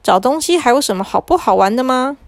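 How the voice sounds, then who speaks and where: A weary storybook mother, flat and put-upon, voiced by a woman reading aloud. She speaks in a dry, close tone. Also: high voice, fast, no room sound.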